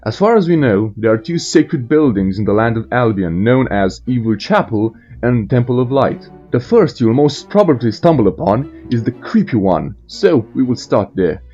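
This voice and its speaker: Animated, muffled man narrating game lore. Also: mid-range voice, moderate pace, hardly any pauses. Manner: irreverent, storytelling. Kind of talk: scripted narration with joking asides. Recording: muffled voice over faint music.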